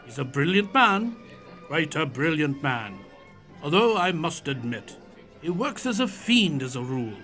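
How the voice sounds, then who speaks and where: A man playing a genial elderly Doctor Watson in audio theatre, a courtly Victorian gentleman telling his memories. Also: a little high, big pitch swings, a little slow, soft background music, full character voice. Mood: earnest. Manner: courtly, old-fashioned turns of phrase.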